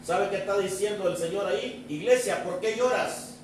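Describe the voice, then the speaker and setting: High voiced pastor guy preaching, lots of rhetorical questions, mic far off in a super echoey church. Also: moderate pace, a little hiss or hum. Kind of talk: sermon.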